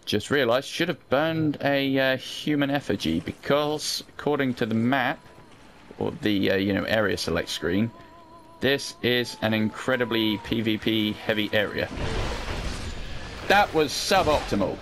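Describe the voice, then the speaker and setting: A man's voice: medium pitch, unhurried, fairly bright tone, a little hiss or hum. A British man giving casual let's play commentary, sweary and wryly understated, as host. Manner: sweary, dry, wry understatement. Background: video game sound.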